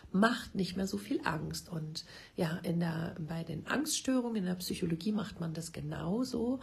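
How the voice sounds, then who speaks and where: A middle-aged woman giving earnest advice on facing fears, speaking to the listener directly and often dropping to a soft whisper. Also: fairly low pitch, moderate pace, gravelly, slightly rough. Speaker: self-help speaker. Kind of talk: advice talk on coping with fear.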